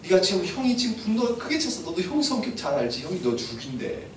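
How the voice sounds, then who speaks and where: Brief: male preacher as an anxious mother, hushed and urgent, echoey room. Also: high-pitched, sing-song, fast, a little hiss or hum. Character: worried mother warning her son. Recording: echoey room, mic at a distance.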